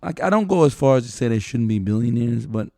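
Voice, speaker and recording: Gravelly, laughing male podcast co-host. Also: mid-range voice, fast talker, no echo, studio quality. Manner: animated, laughs often, thinks aloud with restarts. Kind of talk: casual opinionated chat.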